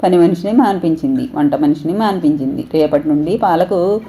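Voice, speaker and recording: A woman's voice: deep voice, expressive, a little fast, mellow. A woman voicing an indignant, scornful old milkman.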